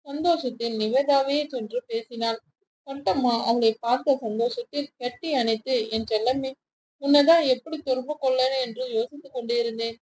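A woman storyteller reading a romance story aloud in an expressive, dramatic way. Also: a little high, poor audio. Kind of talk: storytelling narration.

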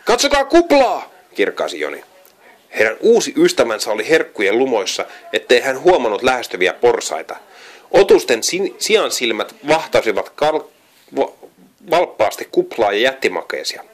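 A man's voice: mid-range voice, big pitch swings. A man reading a children's storybook aloud, often stumbling and correcting himself. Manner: frequent slips and self-corrections while reading. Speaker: reader.

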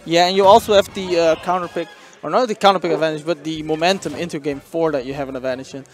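A man's voice: fairly high pitch, fairly even intonation, fast talker, faint music behind. A man giving casual color commentary on a fighting-game match, leaning on fillers like "I mean". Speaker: esports co-commentator.

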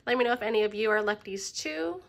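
A woman in her thirties, a little under the weather, casually chatting at home as she shows off her groceries, with relaxed, friendly talk full of ums. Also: a little high, fast talker, gravelly. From Filipino family. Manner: relaxed, friendly, frequent "um" fillers. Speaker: vlogger showing a grocery haul. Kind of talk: casual chatty haul commentary. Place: home kitchen table.

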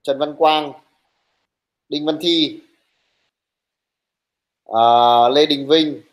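Brisk, teasing male teacher with a higher voice. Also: steady tone, rough recording. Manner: brisk and teasing, scolds students bluntly. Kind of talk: online class talk, taking attendance.

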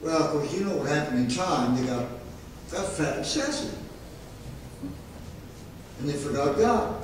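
A man preaching a folksy, emphatic sermon from the pulpit, his voice sitting on the high side. The sound comes from a distant mic in a strongly echoing sanctuary, with a faint hiss underneath. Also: animated, measured pace. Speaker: pastor. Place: church sanctuary. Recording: echoey sanctuary, mic far off.

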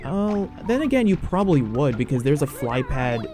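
A man giving casual gameplay commentary as a let's play host, rambling and halting with many fillers and restarts. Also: on the high side, big pitch swings, warm tone, soft background music.

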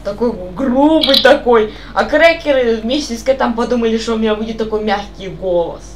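A young woman rambles casually over voice chat while gaming, asking the same questions again and again. Her voice sits on the high side at a moderate pace, with background noise behind her.

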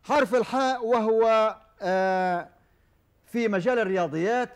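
A man hosting a televised quiz show, formal and measured, with frequent hesitation fillers. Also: high-pitched, smooth. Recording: old television broadcast recording.

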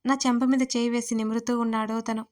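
Playful woman storyteller, slightly high. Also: level tone, fast talker, darkish tone. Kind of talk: first-person audio story narration.

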